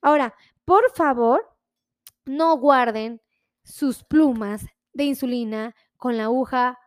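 High-voiced woman doctor, chatty. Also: takes it slowly, dry recording, studio quality. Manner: chatty, talks like a friend, lots of fillers. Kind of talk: casual health explainer to viewers.

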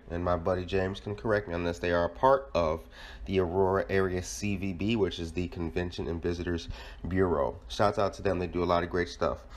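Male host, slightly low voice, casual upbeat delivery. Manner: upbeat, casual shout-outs. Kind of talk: local community news and interview.

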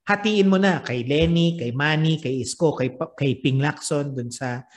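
A man's voice: a little high, measured pace. A man with a Filipino accent hosting a casual podcast chat, talking loosely and laughing often. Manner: chatty, laughs often, mixes English into Filipino. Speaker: podcast host.

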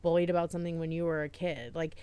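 A woman's voice: low-pitched, level tone, quick pace, mellow, clear, resonant tone, dry recording. A woman co-hosting a podcast in casual chat, talking earnestly with lots of "like" fillers. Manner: chatty, heavy use of "like", earnest and reassuring. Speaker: podcast co-host.

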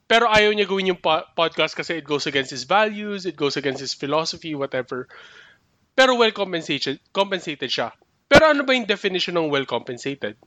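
A young man talks through ideas on a podcast, restarting and hedging as he goes. His voice sits high and sounds bright and forward. The sound is dry and close, with no room around it. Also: big pitch swings, fairly quick, no room sound, highs cut off. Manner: thinks aloud, restarts and hedges. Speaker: podcast co-host. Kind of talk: casual chat mixing Tagalog and English.

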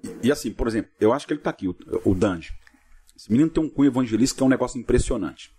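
A man, a pastor guest on a podcast, telling a long story in a casual interview, lively and acting out what people said. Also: medium pitch, breathy edge. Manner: fast, vivid storyteller acting out dialogue.

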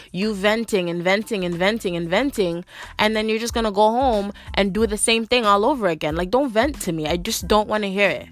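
A young female podcast host with a medium-pitched, somewhat bright voice goes on a blunt rant. Profanity flows freely, and "like" comes up over and over.

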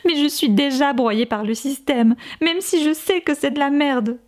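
A woman reading aloud voices a distraught young woman who talks in a tearful, halting way. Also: high-pitched, pitched above the performer's own voice, lightly acted. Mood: whimpering.

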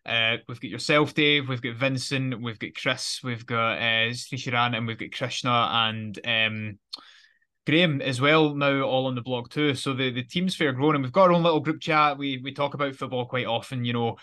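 British guy hosting a footy podcast, bright clear-cut tone, chatty and rambly. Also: medium pitch, normal speed, few pauses. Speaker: podcast host. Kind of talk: casual football podcast chat.

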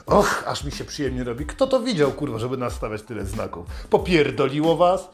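A man's voice: medium pitch, expressive, a little fast. A man delivering a satirical comedic rant in a swaggering, foul-mouthed manner.

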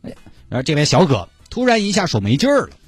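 A man's voice: fairly high pitch, wildly swooping pitch, fast, husky, dry recording, faint music behind. A man narrating a comic story in a chatty, wry way.

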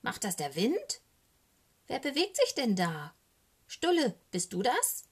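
A woman voicing a cheeky little boy raven in a storybook reading, high and excitable. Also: normal speed, slightly rough, full character voice. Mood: fearful. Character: cheeky small boy raven, bold yet easily scared.

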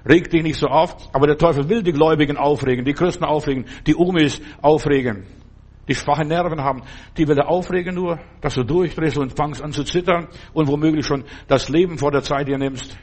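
A man's voice: on the high side, a little fast, darkish tone, breathy edge. An older man giving an earnest sermon, exhorting his listeners and addressing them directly. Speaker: preacher.

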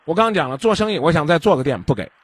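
A man's voice: fairly high pitch, expressive, rapid-fire, breathy edge, no echo. A man hosting a radio call-in advice show, lecturing the caller and acting out little dialogues. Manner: keeps asking if the caller understands. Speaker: radio hotline host.

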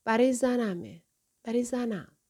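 A woman voicing a quiet, forgetful man who speaks softly and haltingly in an audiobook reading. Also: on the high side, animated. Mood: hesitant. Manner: soft-spoken, halting. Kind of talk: audiobook character voice.

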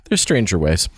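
A man's voice: mid-range voice, darkish tone, husky, no echo. A man hosting a podcast in casual chat, rambling with lots of filler words and restarts. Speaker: podcast host.

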